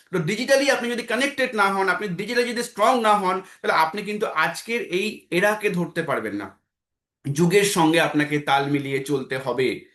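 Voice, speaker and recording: Male trainer, high and bright, motivational talk in an echoey room. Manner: exhorting, repeats phrases, asks himself questions then answers. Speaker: trainer leading an online team meeting.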